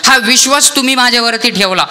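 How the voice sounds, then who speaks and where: A young male kirtan preacher gives a devotional sermon in a very high-pitched, fast voice. He tells a parable, acting out the lines of each person in it, and calls out to the deity between passages.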